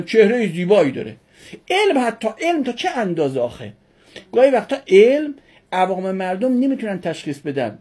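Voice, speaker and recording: A woman with a husky, breathy voice gives a classroom religion lecture to her students. She keeps firing questions at the class and answering them, leaning hard on repeated words. Her pitch sits in an ordinary middle range. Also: mellow. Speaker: religion teacher.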